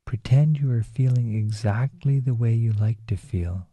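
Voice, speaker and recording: A man reading a guided relaxation script in a slow, soothing, calm way. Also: mid-range voice, breathy edge, no echo. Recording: dull lo-fi recording.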